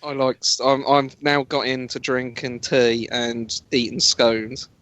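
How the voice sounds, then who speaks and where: A man's voice: medium pitch, little pitch movement, measured pace, a bit bright, dry recording. A man, co-hosting a casual podcast, rambling and searching for his words, swearing now and then. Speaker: podcast co-host. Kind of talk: casual banter.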